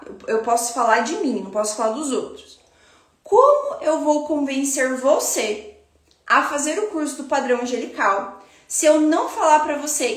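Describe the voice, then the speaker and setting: A woman's voice: high-pitched, echoey room. A woman with a Brazilian Portuguese accent giving a spiritual self-help talk as a teacher, speaking reflectively and addressing the listener directly.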